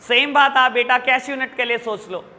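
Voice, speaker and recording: A man's voice: very high voice, fairly even intonation, moderate pace, pushed and bright, long reverb tail. A male teacher with an Indian accent lecturing a class, often calling students "beta" and checking in with "theek hai na". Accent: Indian English. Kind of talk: classroom lecture explaining exam questions.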